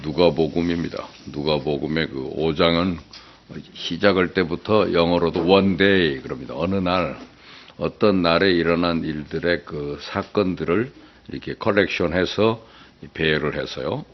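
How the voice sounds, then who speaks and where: A man's voice: low-pitched, moderate pace. A male pastor preaching a sermon, telling folksy dialect jokes to make his point. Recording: dull lo-fi recording.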